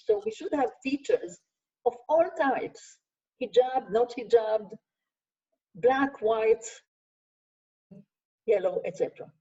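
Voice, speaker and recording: A warm, mid-range voice belongs to an older sociologist from Israel who speaks Hebrew. In an online masterclass she answers earnestly, emphasizing ideas with lists and many restarts, over distant, dull, lo-fi call audio.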